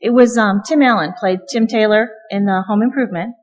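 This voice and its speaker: A middle-aged woman guest preacher speaks fairly quickly in a mid-range voice, delivering a joking, conversational sermon with plenty of ums. She's at the pulpit of a church sanctuary, and the hall's long reverb is audible.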